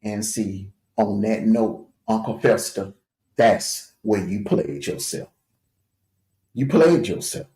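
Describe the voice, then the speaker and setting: A man's voice: on the low side, slow, dark tone. A man hosting a livestream, giving a taunting, jeering commentary rant with scornful laughs. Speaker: livestream host. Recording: echoey room.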